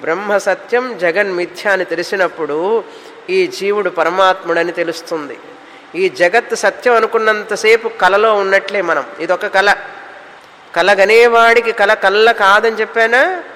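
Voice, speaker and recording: Male spiritual teacher, high bright voice, rhetorical questions, chants verses, reverberant hall with faint hiss. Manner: rhetorical questions answered himself, repeats key words; chants Sanskrit verses slowly. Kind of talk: Vedanta discourse.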